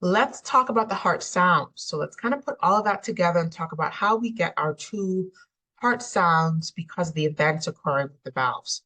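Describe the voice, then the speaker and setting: A woman's voice: lowish voice, a bit bright, poor audio. A woman lecturing on anatomy, explaining steadily with frequent ums. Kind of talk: recorded lecture.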